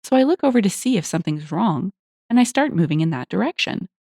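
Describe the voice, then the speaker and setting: A woman narrating internet stories in an animated, expressive, casual way. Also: medium pitch, fast talker, no echo, clean studio sound. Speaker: story narrator.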